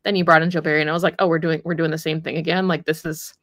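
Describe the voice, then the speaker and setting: A woman's voice: low voice, flat delivery, racing, fairly bright tone, no echo, studio quality. A young woman co-hosting a sports podcast, talking casually with lots of "like" fillers. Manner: conversational, frequent "like" fillers. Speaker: podcast co-host.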